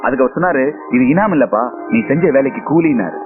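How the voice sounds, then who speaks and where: A man's voice: medium pitch, expressive, fast, lightly acted. An actor playing a deferential young man who politely explains an idea to his elder. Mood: earnest. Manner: polite, deferential, says sir. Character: humble young man pitching a bill-paying idea. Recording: phone-like band with film music.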